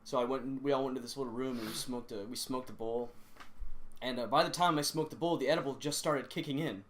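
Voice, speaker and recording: A man's voice: mid-range voice, steady tone, quick pace, fairly bright tone, slight background noise. A young man hosting a casual podcast, telling rambling stories full of swearing and laughing as he goes. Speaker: podcast host. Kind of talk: casual chat.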